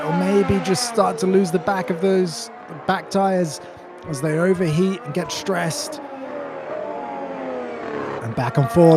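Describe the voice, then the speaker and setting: A man giving excited, urgent live play-by-play commentary on a sim race in short, clipped phrases. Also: high voice.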